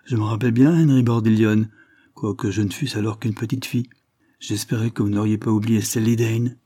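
A man's voice: lowish voice, steady tone, a little fast, mellow, natural voice. A man voicing a sentimental aging spinster. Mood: wounded.

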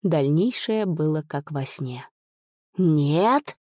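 A woman narrating an audiobook in an expressive, measured storytelling manner. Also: fairly low pitch, dry recording, studio quality. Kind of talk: audiobook reading.

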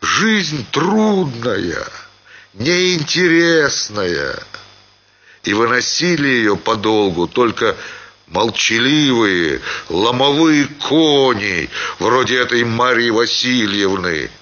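A man narrating a classic short story in a measured, expressive theatrical reading. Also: medium pitch, lo-fi sound.

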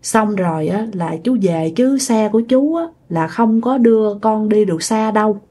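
A woman voicing a slow-spoken, middle-aged male ghostly stranger, talking quietly and drawing out his words. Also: mid-range voice, close to an everyday voice. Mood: slow, low-key.

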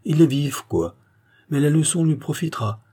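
A man's voice: fairly high pitch, animated, normal speed, warm tone, breathy edge, voice pushed up. A man voicing a shrewd older peasant mother who talks in a homely, folksy way. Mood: scheming.

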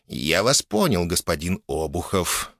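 A man reading an audiobook, voicing a weary male church official who speaks slowly and formally, weighing each word. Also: medium pitch, sing-song, no room sound, studio quality, voice pushed up. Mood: stiff. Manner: slow, measured, grudging.

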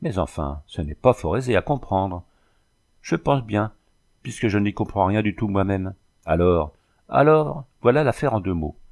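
A man's voice: lowish voice, very animated, moderate pace, darkish tone. A man voicing a boastful old Irish sailor in a storybook, swaggering and swearing as he tells his tale. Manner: swaggering, swears by thunder and the devil.

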